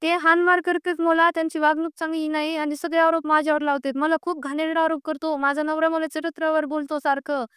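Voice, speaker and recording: A young woman speaks fairly quickly, with hardly any pauses and little pitch movement in her high, slightly bright voice, as she airs a personal grievance on a recorded phone call. Insistent, aggrieved and pleading, she repeats herself in the emotional private conversation, captured dry with clean studio sound.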